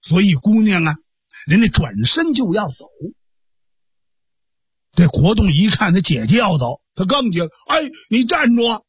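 Husky, lively storyteller. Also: medium pitch, normal speed, pauses often, dry recording, studio quality. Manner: lively, colloquial, dramatic storytelling. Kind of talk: traditional pingshu storytelling.

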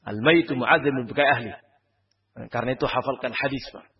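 A man preaching a study sermon, asking the audience rhetorical questions and swinging between loud and hushed delivery. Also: medium pitch, brisk, husky, highs cut off.

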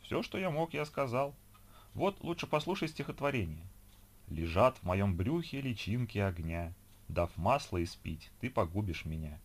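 A man's voice: lowish voice, big pitch swings, moderate pace. A man voicing a crude, sly male demon who taunts and mock-recites verse in an audiobook.

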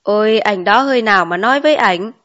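A woman voicing a young man back from the city, a chauffeur, in an audiobook, relaxed and plain-spoken. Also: mid-range voice, fast talker, lightly acted. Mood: boastful. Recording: dull lo-fi recording.

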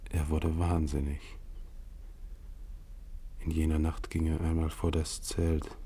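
Exhausted male polar captain, 1950s radio drama, slow, mournful recital, very low and gravelly. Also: little pitch movement, dark tone, heavily acted. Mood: somber. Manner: solemn, slow, psalm-like recital. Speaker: expedition leader narrating. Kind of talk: 1950s radio play narration.

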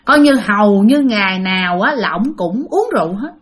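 A woman's voice: mid-range voice, lively intonation, fairly quick, slightly rough. A woman telling spirit stories in a chatty, casual way, often addressing her listeners directly. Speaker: storyteller of spirit tales. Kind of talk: casual spoken storytelling to listeners.

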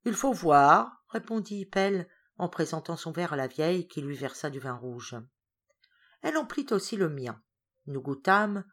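A woman reading a classic story aloud as an audiobook, with expressive, varied storytelling. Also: low-pitched, moderate pace. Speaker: audiobook reader. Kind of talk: literary audiobook narration.

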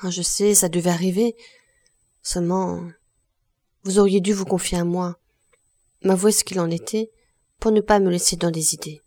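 A woman reading the lines of a shy young blacksmith, speaking haltingly and hesitantly in an audiobook. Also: lowish voice, fairly even intonation, mellow, no echo, studio quality, close to an everyday voice.

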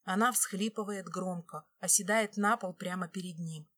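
A woman narrating a love story aloud in a steady, expressive manner. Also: on the low side, normal speed. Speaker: audiobook narrator. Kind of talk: scripted narration.

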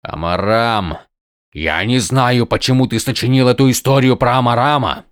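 A man doing a stern old highlord. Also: moderate pace, smooth, no echo, clean studio sound, close to an everyday voice. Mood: scolding. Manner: firm, emphatic, scolding. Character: stern older male highlord, weary and commanding. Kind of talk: audiobook character voice.

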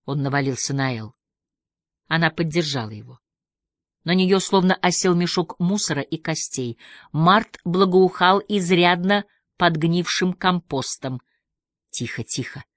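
A woman narrating a novel in a measured audiobook reading. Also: fairly low pitch, dry recording, clean studio sound. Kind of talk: scripted narration.

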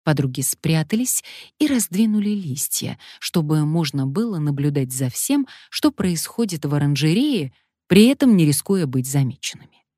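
Low-voiced woman narrating an audiobook. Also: warm tone, no echo, clean studio sound.

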